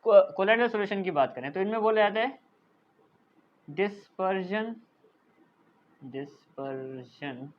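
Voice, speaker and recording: A man's voice: high voice, expressive, highs cut off, a little hiss or hum. Man teaching a science class. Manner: explanatory, repeats "thik hai" as a check-in; dictates English definitions slowly while writing. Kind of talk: classroom lecture.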